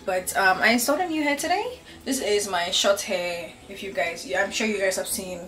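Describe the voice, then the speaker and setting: A woman in her twenties chats upbeat with viewers in a casual vlog, filmed on a camera at arm's length indoors in her bedroom and home office. Her mid-range voice is animated, a bit bright, and at normal speed. The audio is poor and roomy, with an air conditioner humming in the background.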